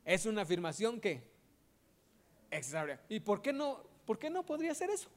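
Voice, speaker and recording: A man's voice: sits high, big pitch swings, moderate pace. A man preaching in a conversational way, asking the audience rhetorical questions.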